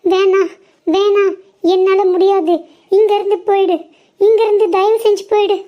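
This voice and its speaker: A woman playing a scared little cartoon schoolgirl with a very high, childlike voice and a pleading, jittery way of talking. The sound is a bit dull and muffled. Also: little pitch movement, moderate pace. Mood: terrified. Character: frightened young schoolgirl.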